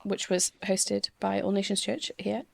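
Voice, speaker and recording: A woman's voice: mid-range voice, flat delivery, measured pace, vocal fry. A woman, chatting as a podcast guest in a hesitant, thoughtful way. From Swansea, Wales. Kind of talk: casual interview chat.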